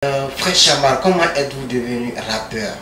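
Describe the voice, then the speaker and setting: A male radio host with a bright, forward voice who keeps repeating his guest's words and pausing on fillers. He sits a little back from the mic in a studio with a roomy echo. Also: medium pitch, far from the mic, slight background noise. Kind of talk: radio interview.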